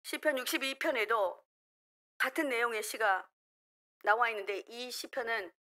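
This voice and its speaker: A woman's voice: fairly high pitch, moderate pace, pushed and bright. A woman pastor delivering a fervent sermon at a prayer meeting, rising into emphatic exhortations. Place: church sanctuary.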